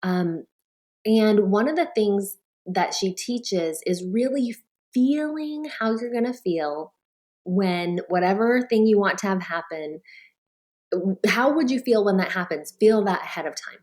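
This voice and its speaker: A woman's voice: medium pitch, animated, a little slow, a little mellow. A woman coach in her thirties telling a personal story to an audience of mothers, acting out her own thoughts along the way. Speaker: life coach. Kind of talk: talk to an audience of moms.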